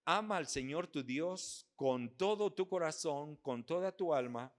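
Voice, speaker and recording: A man's voice: on the high side, animated, measured pace. Older man preaching a sermon. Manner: earnest, rising to loud emphatic preaching. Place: church hall at a men's conference.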